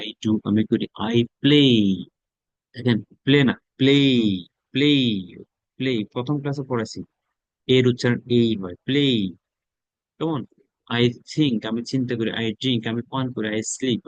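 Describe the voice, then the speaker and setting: A man's voice: mid-range voice, darkish tone, no echo, lo-fi sound. A man with a Bangladeshi accent teaching a spoken English class. He drills words aloud and repeats them. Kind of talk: classroom lesson.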